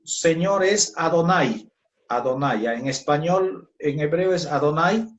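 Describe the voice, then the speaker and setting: Slow, questioning male Bible teacher. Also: on the high side. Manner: slow, checks in with "¿ya?" and "¿no?". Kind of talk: Christology class.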